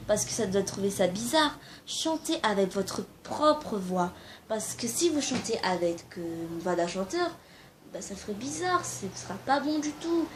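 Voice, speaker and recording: A woman's voice: mid-range voice, lively intonation, moderate pace, a little hiss or hum. A young woman talking casually to camera and giving amateur singing tips, informal and a little hesitant, with frequent fillers.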